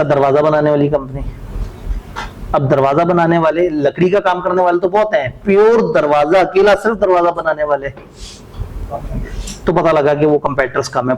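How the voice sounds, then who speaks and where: A man's voice: a little high, a little fast, slight background noise, poor audio. A man giving a classroom lecture, talking it through conversationally and posing questions he then answers himself. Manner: conversational, asks rhetorical questions and answers them.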